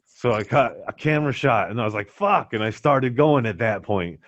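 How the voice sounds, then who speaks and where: A slightly dull, dry recording of a man with a lowish voice. He chats in a laid-back stoner way, full of slang and swearing, like a podcast co-host swapping anecdotes. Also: animated, a little fast, no echo. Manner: swears freely. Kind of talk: casual chat and anecdotes.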